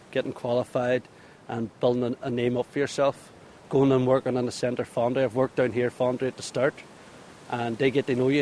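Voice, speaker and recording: A man's voice: medium pitch, a little mellow, slight background noise. A man in his forties with a Northern Irish accent, an outdoor education instructor telling jokey stories in a casual interview. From Northern Ireland. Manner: chatty, jokey storyteller, acts out voices. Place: outdoors at an activity centre.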